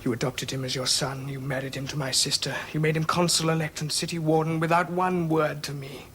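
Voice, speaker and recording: An actor plays a bitter, resentful young Roman prince with a fairly high voice, reproachful and sometimes dropping to a whisper. A faint hiss sits under it, like an old TV drama track. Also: male voice, little pitch movement, a little fast, fairly bright tone, natural voice. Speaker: actor in a television period drama. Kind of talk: 1970s television drama acting.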